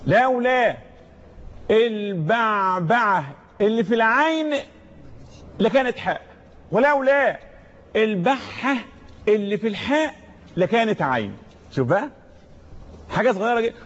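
A man with an Egyptian Arabic accent teaching Quran recitation, patiently explaining letters one by one and chanting verses slowly for students to repeat. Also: high voice. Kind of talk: tajweed lesson with call-and-repeat recitation. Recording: dull lo-fi recording.

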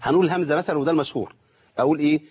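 A man with an Egyptian accent teaching Quran recitation on a broadcast lesson, explaining and slowly demonstrating verses with rhetorical questions. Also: on the high side, a little mellow, breathy edge, muffled recording.

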